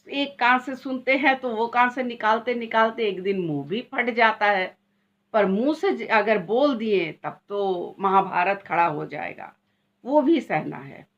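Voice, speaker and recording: A woman's voice: mid-range voice, expressive, unhurried. A middle-aged woman vlogger telling her story in a dramatic, lamenting way, full of exclamations. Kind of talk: dramatic personal monologue. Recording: dull lo-fi recording.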